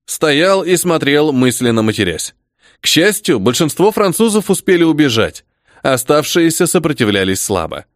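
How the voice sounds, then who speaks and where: A man reading a first-person audiobook in a dramatic, expressive manner. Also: on the high side, normal speed, no room sound, clean studio sound. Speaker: audiobook narrator.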